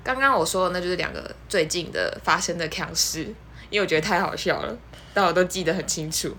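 A woman co-hosts a casual podcast chat. Her voice is bright and slightly sharp, set fairly low, and she answers her co-host with playful teasing. A faint background hum sits under the recording. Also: fast.

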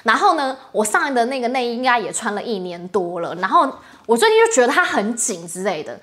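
A woman's voice: a little high, very animated, a little fast, a bit bright. A young adult woman with a Taiwanese Mandarin accent, hosting a casual livestream, chatty and rambling, laughing often and greeting viewers' comments. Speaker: livestream host.

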